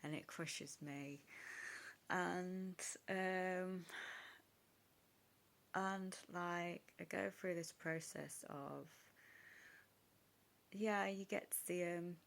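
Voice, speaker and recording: A young woman talks to her phone camera in a loose, confessional vlog. Her voice sits low with a gravelly fry. She sounds upset and close to tears, and she trails off and restarts often. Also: steady tone, very slow, long pauses. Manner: rambling, emotional, many fillers and restarts. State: upset, tearful. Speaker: vlogger. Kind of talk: casual confessional chat to camera.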